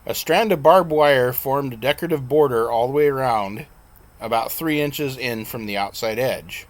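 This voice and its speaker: A man narrating his own novel as an audiobook in a plain, unhurried reading with an occasional slip he corrects. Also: medium pitch.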